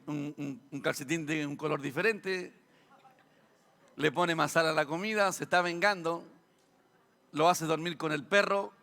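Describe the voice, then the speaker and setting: A man's voice: on the high side, gravelly, a bit bright. A Chilean man preaching a sermon as a pastor, asking rhetorical questions and dropping humorous asides. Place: church sanctuary. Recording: long church hall reverb.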